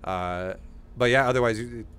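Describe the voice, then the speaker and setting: This man in his thirties is a gaming coach and streamer, casually encouraging a gamer from close to the microphone. He speaks at a moderate pace in a mid-range voice that's fairly bright, clear, and resonant, and there's faint background noise.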